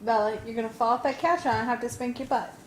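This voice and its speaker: A woman's voice: a little high, fast talker, reverberant, a little hiss or hum. A woman filming her young children at home, alternately coaxing them in a sing-song voice and scolding them. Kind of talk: casual home video. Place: family home indoors.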